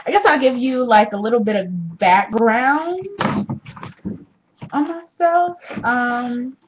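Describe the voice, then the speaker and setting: A woman's voice: fairly high pitch, slow pace, slight background noise. An eighteen-year-old woman talking candidly and rambling to a webcam at home in a casual diary vlog, swearing freely. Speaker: vlogger. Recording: slightly dull webcam audio.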